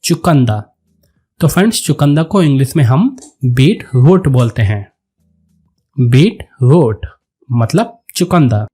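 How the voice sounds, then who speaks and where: A man teaching a vocabulary lesson, saying each word and then repeating it slowly and deliberately. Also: mid-range voice, expressive, dark tone, breathy edge, faint music behind. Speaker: English teacher.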